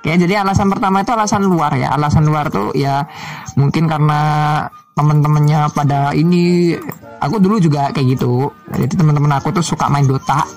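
A man's voice: fairly high pitch, a little fast, faint music behind. A young man chatting casually to viewers, rambling with many fillers and restarts. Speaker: vlogger.

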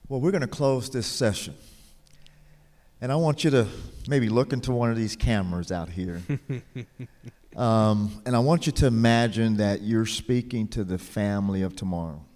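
Low male host in a reverberant hall. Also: normal speed, a little mellow. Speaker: interviewer, session host. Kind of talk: conversational interviewing on a recorded session.

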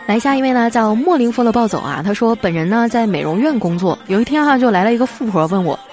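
A woman's voice: on the high side, lively intonation, darkish tone, faint music behind. Playful woman host telling jokes. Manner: playful storytelling, drawn-out "ah" particles. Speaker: radio show host. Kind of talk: reading listener jokes aloud.

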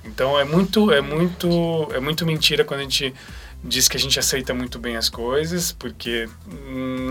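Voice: mid-range voice, a bit bright. A host who asks probing, rambling questions full of fillers. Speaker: interviewer host. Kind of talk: casual interview questions. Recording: faint music underneath.

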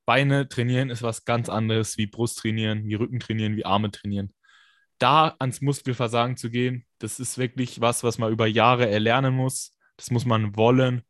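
A man with a scratchy smoker's rasp, co-hosting a podcast and giving blunt, colloquial, emphatic coaching advice in a casual chat. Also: medium pitch, fairly even intonation, moderate pace, fairly bright tone, no room sound, studio quality. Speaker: podcast co-host and fitness coach.

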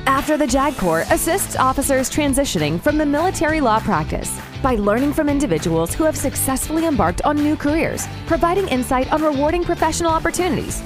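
A woman reading a scripted podcast introduction as the announcer. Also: high voice. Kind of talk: scripted narration. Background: music.

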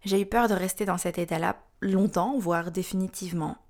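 A woman's voice: medium pitch, fairly even intonation, a little fast, darkish tone. A woman in her thirties hosting a podcast, reading scripted narration in a frank, wry, confiding way. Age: 30s. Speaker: podcast host.

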